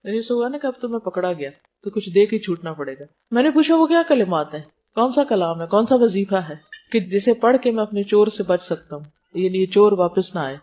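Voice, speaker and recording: A woman's voice: medium pitch, dark tone, highs cut off. A woman giving a religious lecture who explains each point in plain terms, glosses words with everyday English and puts rhetorical questions to her listeners.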